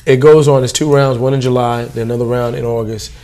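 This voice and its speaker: Gravelly man. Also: medium pitch, quick pace. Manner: relaxed, informal, many fillers. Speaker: youth program staff guest. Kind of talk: casual interview.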